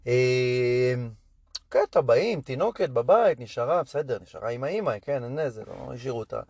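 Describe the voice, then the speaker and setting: A stand-up comedian and podcast host gives a casual storytelling monologue about his gigs, animated and chatty as he acts out the people in them with quoted voices. His voice is mid-range with a breathy edge, and the recording is dry.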